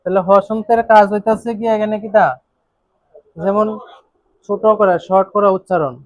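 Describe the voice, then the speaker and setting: A man's voice: sits high, level tone, normal speed, no echo. A man, teaching a grammar class, repeatedly asking students questions and coaxing answers. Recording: dull dry classroom recording.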